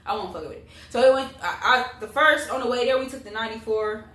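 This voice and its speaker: A young adult woman with a fairly high, slightly bright voice talks fast as she tells a personal story in a casual vlog, using slang, speaking bluntly and swearing freely. The audio has a roomy echo, a distant mic, and faint noise.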